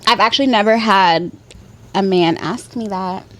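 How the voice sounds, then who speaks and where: Young woman, podcast co-host, blunt and emphatic, mid pitch. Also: normal speed, fairly bright tone, dry recording. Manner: blunt, laughs often, emphatic. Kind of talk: casual podcast chat.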